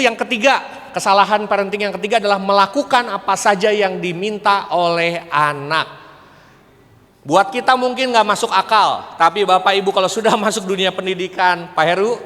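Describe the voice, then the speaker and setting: Animated man speaking in an echoing hall. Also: high voice. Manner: animated, acts out parents and students, laughs often. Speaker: parenting seminar speaker, school educator. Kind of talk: lively seminar talk. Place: church hall. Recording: long hall reverb.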